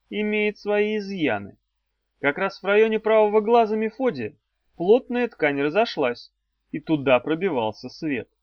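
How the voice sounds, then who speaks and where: A man narrating an audiobook in an even, measured storytelling manner, in a dry, slightly dull recording. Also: fairly high pitch, no echo.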